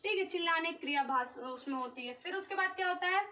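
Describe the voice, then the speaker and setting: High, bright-voiced woman teaching. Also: fast talker. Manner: explains step by step, often checks with "ठीक है". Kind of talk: exam-prep lesson. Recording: dull, slightly distant recording.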